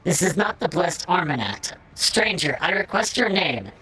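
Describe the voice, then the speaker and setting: Raspy, commanding cyborg priest; formal, demanding delivery. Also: male voice, high voice, very animated, moderate pace, sharp tone, full character voice, poor audio. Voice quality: raspy, gravelly. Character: stern rasping cyborg tech-priest, demanding, older man.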